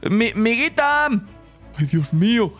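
A man with a strikingly high voice that leaps all over the place. He fires off excited, playful commentary full of exclamations while clear music plays behind him. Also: slow. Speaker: gaming YouTuber.

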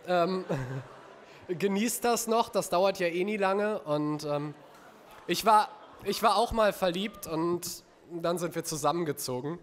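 Standing at a mic stand on a theatre stage before a live audience, a young poetry slam performer delivers comedic spoken word with theatrical flair and sardonic asides. His voice sits high and moves slowly, with a little background noise.

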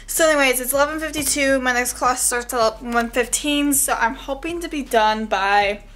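Her voice is high and a bit bright as this young vlogger talks at a normal speed through her day, first in a dorm room and then in a small campus gym. The camera or phone sits nearby, and she rambles giggly, sprinkling in "like" and "yeah."

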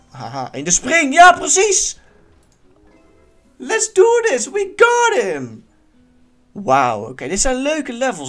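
Lively man doing game commentary. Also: fairly high pitch. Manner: lively, swears, bursts into yells at near misses. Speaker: gaming YouTuber. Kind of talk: casual let's-play commentary.

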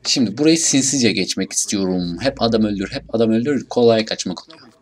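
A young man with a Turkish accent casually commentating his gameplay, muttering, swearing at enemies and bursting out loudly now and then. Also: fairly low pitch, brisk. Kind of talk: casual let's play commentary.

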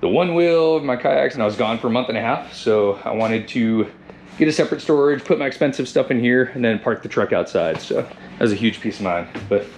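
A man casually narrating his road trip to viewers in a relaxed, chatty way, talking into a handheld camera. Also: medium pitch, a little fast. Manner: laid-back, chatty, talks to viewers as "guys". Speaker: travel vlogger. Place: outdoors and in vehicles on a road trip. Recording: outdoor recording with traffic noise.

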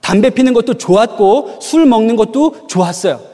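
A man preaching in a high, animated voice that rises and falls freely. He tells stories and keeps asking his listeners questions. A long reverb trails his words. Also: normal speed. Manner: storytelling, asks the audience rhetorical questions. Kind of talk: sermon.

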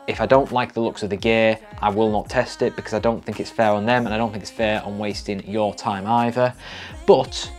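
A young British man chats casually to camera like a vlogger going through new gear. His pitch is average for a man. He is indoors in a small home office, with soft music underneath. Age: young adult. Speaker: trail running vlogger.

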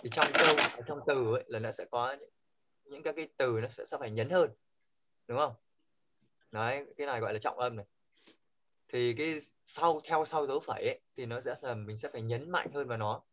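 A man with a Vietnamese accent teaching English pronunciation in a classroom, coaxing the students and modeling words loudly for them to repeat. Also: mid-range voice, a little fast, dull audio.

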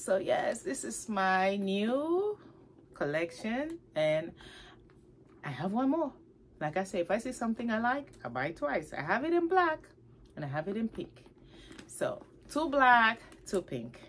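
A woman with a fairly low voice chats to her camera at home, animated and playful, showing off her things. A faint hum of room ambience sits behind her. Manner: chatty and animated, with playful asides. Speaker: vlogger showing her handbags. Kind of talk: casual chat to camera.

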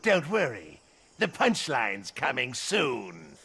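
An actor playing a gleeful, mocking villain clown with sadistic wit and a theatrical, teasing delivery in a video game. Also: male voice, mid-range voice, huge pitch swings, slow, vocal fry, background noise, full character voice. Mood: sly menace. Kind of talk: video game character dialogue.

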